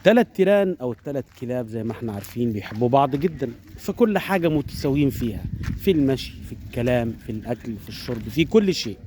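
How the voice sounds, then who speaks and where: Fast-talking Egyptian man telling a fable. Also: mid-range voice, slight background noise. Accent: Egyptian Arabic. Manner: animated, digressive, addresses viewers directly. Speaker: storyteller. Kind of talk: informal oral telling of a traditional animal fable.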